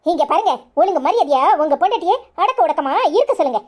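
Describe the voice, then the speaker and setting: A woman's voice: extremely high pitch, expressive, fast talker, a little mellow. A woman with a Kanyakumari Tamil accent voicing a quarrelsome young village wife in a cartoon, scolding and sarcastic. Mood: angry. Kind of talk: cartoon voice acting.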